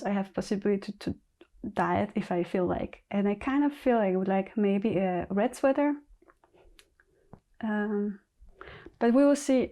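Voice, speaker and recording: A native Polish speaker from Poland hosts a knitting podcast, chatting casually with a Polish accent, thinking aloud and halting with many pauses. Her voice is mid-range with a dark tone.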